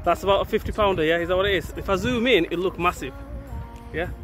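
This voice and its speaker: Chatty man vlogging to camera. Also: high-pitched. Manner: chatty, excitable, says "right?" and "let's go" often. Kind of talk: casual vlog to camera. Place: car, outdoors in town and by a river, shop. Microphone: phone or action camera held at arm's length.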